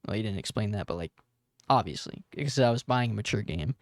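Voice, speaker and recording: Rambling young man with gravelly fry. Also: lowish voice, expressive, brisk, no room sound, clean studio sound. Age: 20s. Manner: rambling, filler-heavy, self-correcting. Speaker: game dev tutorial host. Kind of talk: casual coding tutorial with storytelling.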